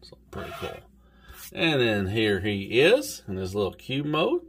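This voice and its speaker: A man with a Southern US accent talks through a toy review in a relaxed, rambling way. His voice sits a little low, and he drops in a folksy "y'all" and "golly" now and then. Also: unhurried, a little hiss or hum.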